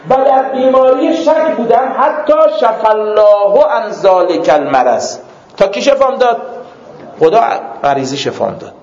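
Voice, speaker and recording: A man with a fairly high voice teaches philosophy, telling stories and playing out short exchanges between people. The recording is very echoey and muffled, as if captured from a large hall. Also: slight background noise. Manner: lively storytelling lecturer, acts out little dialogues. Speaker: philosophy lecturer. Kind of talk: classroom lecture.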